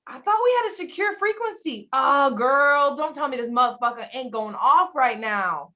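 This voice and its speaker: A man's voice: very high voice, lively intonation, moderate pace, bright, forceful tone, highs cut off, pitched above the performer's own voice, exaggerated voice. A man voicing a brash, profane female operative. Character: brash, foul-mouthed female operative on an earpiece.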